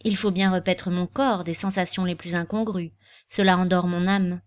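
A woman reading an audiobook, voicing a weary, melancholy young prince who speaks with quiet, bitter irony. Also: on the low side, steady tone, normal speed, no room sound, close to an everyday voice.

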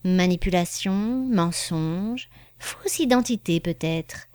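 A woman voicing a man posing as a fortune-teller, smooth and persuasive as he reads the cards. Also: lowish voice, slow pace, a little mellow, dry recording, clean studio sound.

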